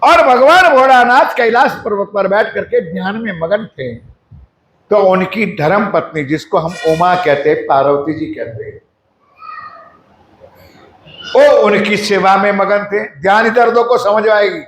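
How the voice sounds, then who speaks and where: A man delivers a devotional sermon in a high voice. He asks his listeners questions directly and slows down to chant mantras. The sound rings around an echoey hall. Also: a bit bright. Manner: addresses the audience directly with questions. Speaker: preacher. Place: ashram hall.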